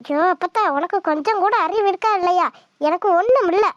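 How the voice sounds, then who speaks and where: Woman doing a cartoon young village woman, very high voice, stubborn and protesting, dry sound. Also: a little fast, dry recording, lo-fi sound. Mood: exasperated. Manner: protesting, pleading, irritated.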